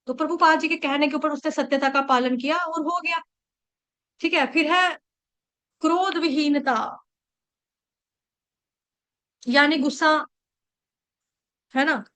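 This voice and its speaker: A woman's voice: high-pitched, unhurried, pauses often, bright, forceful tone. A young woman giving a devotional scripture talk in a chatty storytelling manner, often checking in with listeners. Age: young adult. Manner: conversational storytelling, frequent checks like "okay" and "right". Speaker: devotional speaker.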